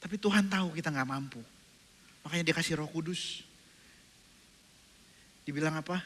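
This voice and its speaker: Bright-voiced man preaching in a reverberant church. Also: on the high side, normal speed. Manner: acts out his own prayers and inner dialogue, switching voices; asks the congregation questions and answers them himself. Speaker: pastor. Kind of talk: sermon. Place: church sanctuary. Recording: reverberant hall with faint music.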